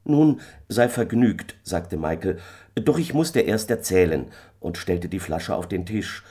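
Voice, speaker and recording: A man's voice: low voice, lively intonation, measured pace, dark tone, breathy edge, full character voice. A man voicing a hesitant, pious poor farmer in a fairy tale, talking in a pleading way. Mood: placating.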